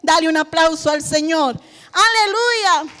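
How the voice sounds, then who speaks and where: A middle-aged woman pastor preaching a sermon in a church, animated and acting out family conversations. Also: very high voice, measured pace, in a large hall. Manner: animated, acts out family dialogues.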